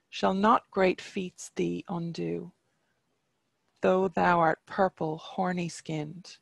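A reader voices a defiant young warrior hero from old legend, declaiming archaic verse in a chant-like way with a deeply gravelly, creaky, exaggerated voice. The delivery is slow and measured, and the sound is close and dry, with no room around it and no echo.

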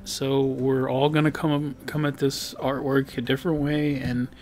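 A man's voice: mid-range voice, level tone, unhurried, a little mellow. A man rambling casually through a voice-over about his painting, full of fillers and restarts and poking fun at himself. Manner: rambling, filler-heavy, self-deprecating. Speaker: digital painter and video host. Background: background guitar music.

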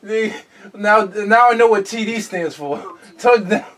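A high-pitched man hosts a podcast and chats casually. He jokes crudely and keeps breaking into laughter. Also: measured pace, a bit bright, far from the mic. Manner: crude, joking, laughs often. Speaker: podcast host. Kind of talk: casual chat.

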